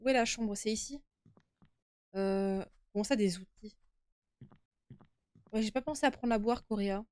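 A woman's voice: mid-range voice, normal speed, pauses often, a little mellow, smooth, dry recording. A young woman streaming a horror game with casual live commentary, uneasy and easily scared, chatting to her viewers. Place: indoor room at home.

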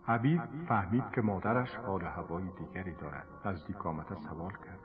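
Man narrating a story, Afghan Dari accent, very low voice, measured, tinny phone-like radio sound, long reverb. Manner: slow, measured, literary. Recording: tinny old radio broadcast with reverb and music. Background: music.

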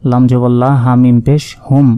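Man, Quran reading teacher, spells letters and vowel marks, flat even voice, smooth and resonant. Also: mid-range voice, narrow, tinny audio. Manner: spells out each letter and vowel mark, then joins them slowly; slow, drawn-out recitation of joined words. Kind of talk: word-by-word Quran reading lesson.

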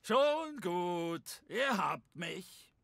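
Ein Mann spricht in einer deutschen Zeichentrick-Synchronfassung einen intriganten, selbstgefälligen, irren Schurken, der sich quengelig herausredet. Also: male voice, high voice, big pitch swings, drawn-out words, creaky, a bit bright, no room sound, heavily acted. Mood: sulky, boastful. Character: scheming, cackling, smug male villain, unhinged and defensive. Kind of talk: German cartoon dub.

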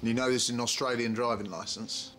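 A man playing a barman, flat and unimpressed. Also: medium pitch, a little fast, a little hiss or hum. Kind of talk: scripted sitcom dialogue.

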